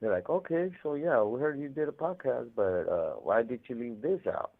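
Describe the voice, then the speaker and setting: An incarcerated man tells his life story on a muffled prison phone call, rambling casually in slangy, profanity-heavy talk. His creaky, medium-pitched voice is animated and moves at a normal speed.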